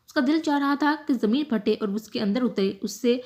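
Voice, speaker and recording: A woman narrating a romantic novel aloud in an emotive, measured storytelling manner. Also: a little high, darkish tone. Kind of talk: scripted novel reading.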